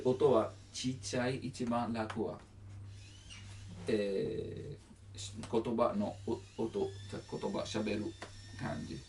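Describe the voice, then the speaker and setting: A man's voice: mid-range voice, darkish tone, distant mic, slight background noise. Italian-accented man teaching, heard from afar. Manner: simple broken phrasing, voices sung examples. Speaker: language teacher. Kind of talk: explaining song lyrics.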